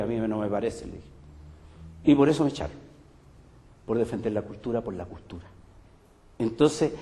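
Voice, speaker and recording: A man's voice: fairly high pitch, mellow. An older man with a Chilean Spanish accent giving an emphatic public talk as a music teacher and folklorist, full of rhetorical questions and asides. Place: cultural center hall. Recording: long hall reverb.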